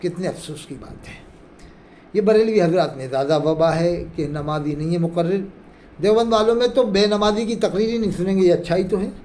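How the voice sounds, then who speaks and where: A male preacher delivers an earnest, reproachful religious lecture. His voice sits high, and he keeps pressing his listeners with rhetorical questions. A faint hiss runs under the recording. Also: brisk, a little mellow. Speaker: Islamic preacher. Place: India.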